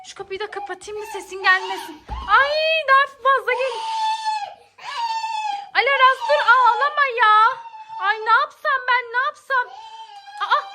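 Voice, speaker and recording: A woman with a very high, bright, ringing voice plays a frazzled mother in a family comedy skit. She fusses and pleads, repeating herself in an exasperated way. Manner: exasperated, fussing, keeps repeating pleas.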